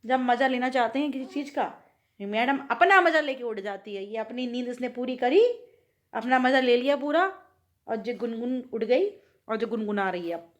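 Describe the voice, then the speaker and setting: A young woman with a sore throat, talking slowly and softly in a casual home vlog from a sunny rooftop. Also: fairly high pitch. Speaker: vlogger.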